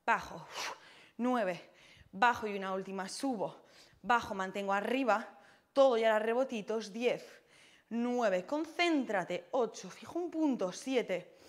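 A woman's voice: on the high side, a little slow. A young woman fitness instructor cueing a floor workout with counts, short puffs of breath, and out of breath as she exercises along.

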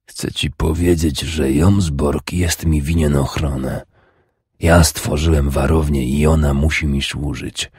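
A man voicing an old wounded Danish king who is scornful and bitter, with a rasping, contemptuous growl. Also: a bass voice, steady tone, unhurried, darkish tone, no room sound, clean studio sound, heavily acted.

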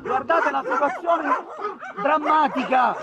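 A man's voice: very high voice, takes it slowly, highs cut off. A man, an animal rights activist, filming a tense confrontation outdoors and pleading insistently for help. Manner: insistent and urgent, pleading and arguing. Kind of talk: live confrontation on camera. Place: street outdoors among agitated people. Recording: loud crowd around.

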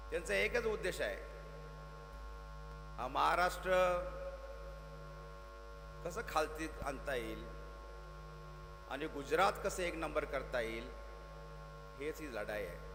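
A man's voice: a little high, lively intonation, slow, long pauses. A man with a Maharashtrian accent giving an emphatic political rally speech, exhorting listeners with rhetorical repetition. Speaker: political speaker. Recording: long hall reverb, mains hum, music behind.

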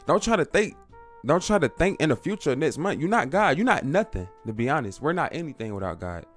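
A man's voice: on the high side, big pitch swings, quick pace, soft background music. A young man, a YouTube creator, talking casually to camera about faith, preachy and slangy, calling viewers bro.

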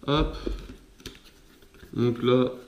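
Male vlogger, relaxed unboxing chat, mid-pitched voice, roomy echo. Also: extremely slow, dull audio, noisy background. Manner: chatty, laughs at himself.

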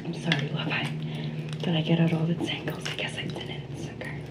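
A woman playing a pushy, flattering salon sales associate with a New Jersey accent in a whispered role-play, chewing gum as she talks. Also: low-pitched, brisk, close to an everyday voice. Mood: soothing, attentive. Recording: clearly noisy background.

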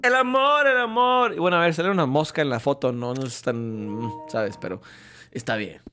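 Playful Mexican streamer, lively voice. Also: male voice, mid-range voice, brisk, soft background music. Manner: playful, jokey, teasing. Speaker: gaming streamer. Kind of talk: casual gameplay commentary.

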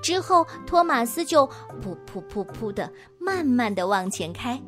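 Animated woman telling kids' stories. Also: fairly high pitch, unhurried, faint music behind. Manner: animated, sing-song, playful. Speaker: children's storyteller. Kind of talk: storybook narration for children.

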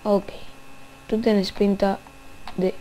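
A young woman giving silly, playful gameplay commentary, repeating phrases with rising pitch and singing bits. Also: flat delivery, drawn-out words, dark tone, a little hiss or hum, poor audio. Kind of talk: playful let's-play commentary.

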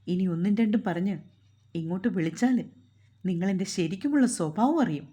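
A woman storyteller voicing a stern, short-tempered young husband who scolds and gives orders in a gruff way. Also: medium pitch, expressive, brisk, dark tone, natural voice. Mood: angry.

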